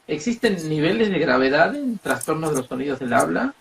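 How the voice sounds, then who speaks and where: A man's voice: a little high, sing-song, a little fast, gravelly. A man hosting an interview, asking short questions and offering brief affirming interjections. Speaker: host. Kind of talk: interview conversation.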